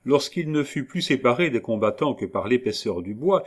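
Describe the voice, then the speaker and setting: A man giving a steady, measured scripted narration of a novel as an audiobook reader. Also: mid-range voice.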